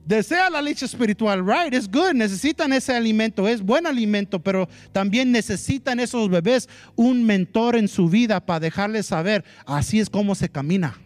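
A male pastor gives an animated sermon, switching into English phrases and acting out what people say. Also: high-pitched, normal speed, hardly any pauses, no echo. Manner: mixes Spanish with English phrases; animated preaching that acts out quotes.

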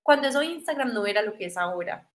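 A woman in her thirties with a Medellín Colombian accent, telling her story in a lively, casual interview. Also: fairly high pitch, quick pace, slight background noise. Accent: Medellín Colombian Spanish. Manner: animated, acts out quoted voices. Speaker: guest.

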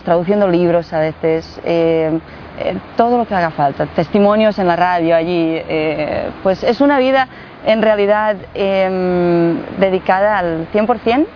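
A woman in her forties from Bosnia and Herzegovina, not a native speaker, telling her story in an interview with many fillers and pauses. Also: on the low side. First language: Croatian. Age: 40s. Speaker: guest, translator and guide. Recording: muffled with faint noise.

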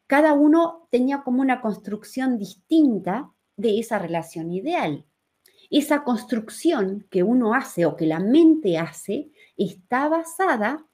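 In a warm, mid-range voice, a human design teacher with a Uruguayan accent leads a conversational live talk. She checks in with her listeners often and repeats phrases to stress them.

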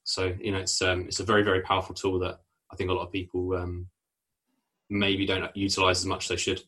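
A man's voice: deep voice, completely flat delivery, brisk, pushed and bright. A man hosting a casual fitness podcast interview, with an affirming, laid-back, slangy way of talking. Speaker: podcast host, fitness coach.

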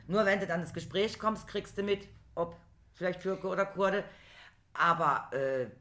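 Woman on a chat podcast, bright sharp voice, very emphatic. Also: fairly low pitch, unhurried. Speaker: podcast co-host. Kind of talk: casual chat.

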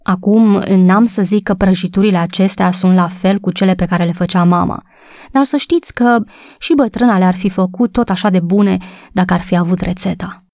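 A woman reading a storybook voices a male police sergeant who speaks in a formal, calming, polite way. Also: on the low side, no room sound, clean studio sound, natural voice. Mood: placating.

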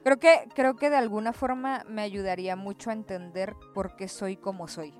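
A woman's voice: mid-range voice, fairly even intonation, moderate pace, faint music behind. A young woman with a Mexican accent in casual, slangy conversation, swearing freely. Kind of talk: casual chat.

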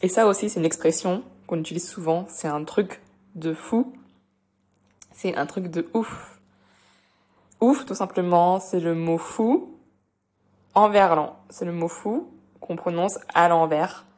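A young woman hosts a relaxed podcast lesson, talking in a chatty way and explaining things slowly. She fills her sentences with small hesitations and repeats herself as she goes. Her voice sits a little low and has a mellow, warm tone. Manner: chatty, many fillers and repetitions, explains slowly. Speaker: French teacher and podcast host.

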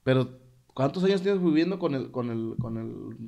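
A man's voice: medium pitch, expressive, vocal fry, mellow. Slangy man, casual chat. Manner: slangy, halting, searches for words. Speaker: podcast co-host.

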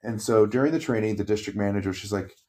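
A man telling work stories in casual chat, high and chatty, acting out the people he quotes. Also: fast talker, warm tone.

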